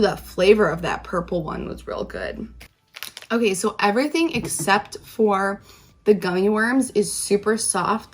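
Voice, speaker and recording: Casual woman chatting through a taste test. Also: medium pitch. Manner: informal, emphatic, rambling. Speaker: candy reviewer, video host.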